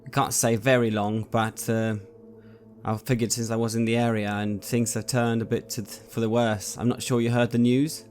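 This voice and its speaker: A man's voice: medium pitch, level tone, moderate pace. A man playing his character in a tabletop game, earnest and hesitant with many fillers. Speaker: player. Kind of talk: in-character tabletop role-play. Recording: faint music behind.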